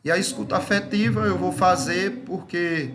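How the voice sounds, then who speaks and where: A man with a Brazilian Portuguese accent, leading a church members' meeting in an unhurried way, often checking in with tag questions. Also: sits high, reverberant. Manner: unhurried, steady tag questions like "certo?" and "veja". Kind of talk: casual meeting talk and short exhortation.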